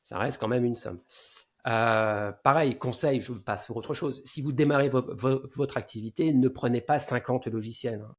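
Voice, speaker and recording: Man in his forties giving relaxed advice. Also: normal speed. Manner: explains at length in a low-key advising tone, often trailing off quietly. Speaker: guest SEO consultant. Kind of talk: casual podcast interview.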